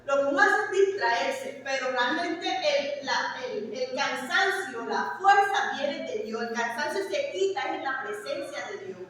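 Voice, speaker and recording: A woman pastor with a high voice preaches with fervor, mixing emphatic scripture with chatty asides to the people in front of her. Her voice rings through a big, echoing church hall, and the mic sits some way off, with a faint hiss underneath. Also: lively intonation, a little slow, few pauses, fairly bright tone, far from the mic. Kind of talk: sermon.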